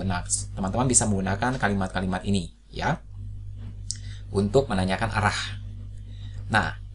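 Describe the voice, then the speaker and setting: A man gives a casual video lesson in a chatty, unhurried way. He drops "eh" and "ya" fillers constantly and lifts his pitch sharply for example phrases. Faint room ambience sits behind his voice. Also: a bit bright, slight background noise. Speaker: English teacher.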